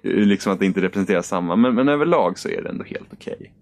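Lively young man chatting about games. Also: no room sound, clean studio sound. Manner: animated, acts out quoted lines with sudden high pitch. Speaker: podcast co-host. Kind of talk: casual gaming chat.

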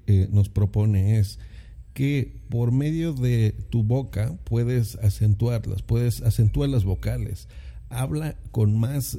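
Male podcaster, chatty explainer, husky and gravelly, very dark tone, condenser mic at home. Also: medium pitch. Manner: chatty, explanatory, frequent filler "eh" and "¿no?". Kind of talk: casual solo podcast talk. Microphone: condenser microphone.

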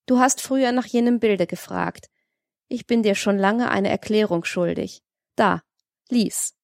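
A woman's voice: medium pitch, a little slow, creaky, darkish tone, no room sound, clean studio sound. A woman reading the part of a domineering, worldly man who lectures with ironic liveliness in an audiobook. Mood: earnest. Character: domineering worldly man, mocking, tyrannical toward women.

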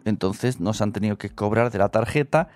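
A man's voice: on the low side, brisk, darkish tone, dry recording. A man from Spain co-hosting a podcast, chatting casually with wry jokes. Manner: joking, wry asides. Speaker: podcast co-host. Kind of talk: casual chat.

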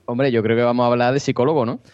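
Man, podcast guest, fast talker, playfully indignant banter, dry sound, faint music. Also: medium pitch, flat delivery, a little mellow, clean tone, no echo, highs cut off.

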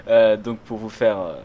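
A man's voice: lowish voice, phone-quality sound, a little hiss or hum. Chatty man hosting a gaming podcast. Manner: chatty, many fillers and self-corrections. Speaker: podcast host. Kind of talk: casual gaming podcast chat.

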